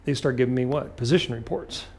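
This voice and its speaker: A man teaches flying in a mid-pitched voice. He explains procedures step by step, speaking in short, clipped phrases and leaning firmly on the key points. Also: fast, a little mellow. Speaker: flight instructor. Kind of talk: instructional talk with acted radio call examples.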